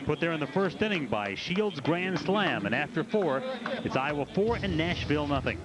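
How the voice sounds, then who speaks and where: A man's voice: on the high side, very animated, moderate pace. A man giving baseball play-by-play commentary in the role of the game's announcer. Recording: ballpark crowd behind the voice. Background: stadium crowd.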